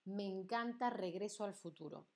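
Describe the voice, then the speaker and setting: Her mid-range voice moves at a moderate pace as she teaches Spanish on a live stream. She's a young Andalusian woman with a neutral standard accent who chats with viewers, asks them questions and reads their chat messages aloud.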